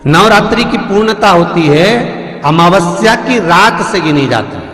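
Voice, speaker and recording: A man's voice: high voice, lively intonation, a little slow, a bit bright. A man giving a devotional sermon, asking the audience questions and counting off the days one by one. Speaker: religious storyteller preacher. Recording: echoey hall with music behind.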